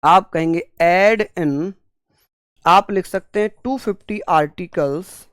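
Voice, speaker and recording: A male teacher lectures an exam-prep class at an unhurried, deliberate pace. He drills each point again and again, puts his students' questions into words himself, and calls them by fond names. The sound is close and dry. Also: high voice, fairly bright tone, clean tone, dry recording. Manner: repetitive drilling, voices students' questions, fond terms of address.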